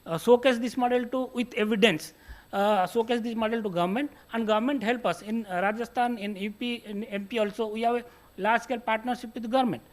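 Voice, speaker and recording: A man with an Indian accent answering on a panel in halting, list-like speech with non-standard grammar. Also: very high voice, fairly even intonation. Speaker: panelist from industry.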